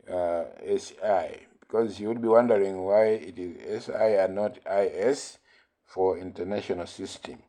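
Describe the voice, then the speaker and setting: A man teaching a physics lesson, explaining slowly and repeating key points between fillers like "uh". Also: fairly low pitch, dark tone. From Malawi. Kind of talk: recorded classroom lesson.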